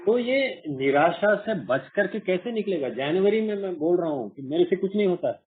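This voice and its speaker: A man's voice: high-pitched, animated, moderate pace, slight background noise. A man from India sharing his recovery story at an online support meeting, earnest and repetitive, sometimes acting out his own past voice. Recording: muffled phone-like online call audio.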